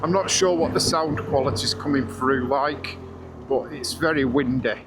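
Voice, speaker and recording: Man talking through a windy motorbike helmet mic. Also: mid-range voice. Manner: musing, unhurried ride commentary. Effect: speaking through a motorbike helmet mic. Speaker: motorcycle vlogger. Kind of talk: running commentary while riding. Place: riding a motorcycle on an open mountain road. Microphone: helmet-mounted mic. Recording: loud wind noise through helmet mic.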